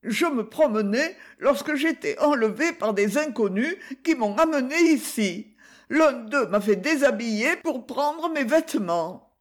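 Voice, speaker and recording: A man's voice: very high-pitched, expressive, unhurried, pitched above the performer's own voice. A flustered, put-upon businessman complains in a raised, plaintive voice, as a male reader puts him on. He sounds indignant and sorry for himself, a minor character in an old storybook adventure. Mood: aggrieved.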